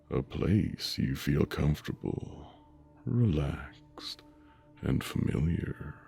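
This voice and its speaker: A man with a deep, rumbling voice narrating a guided sleep meditation in a slow, soothing, hushed manner with long pauses. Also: creaky, slightly rough. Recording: soft music bed under voice. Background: soft music.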